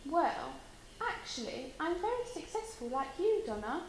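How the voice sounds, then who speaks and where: A woman's voice: sits high, sing-song, normal speed. A woman playing a modest young woman who mildly defends herself to snobbish friends. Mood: defensive. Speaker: sketch character. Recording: roomy echo, clear background noise.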